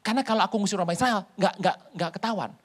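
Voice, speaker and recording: A man's voice: high voice, racing. A male preacher voicing a desperate fleeing warrior chief, urgent and pleading.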